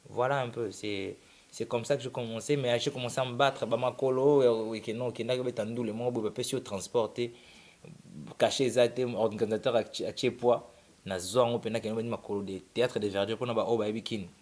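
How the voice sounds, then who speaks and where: The guest is a young male musician from Congo-Kinshasa with a mid-range voice who speaks fairly quickly. Chatting informally in a mix of French and Lingala, he rambles easily through his story and keeps starting his sentences over.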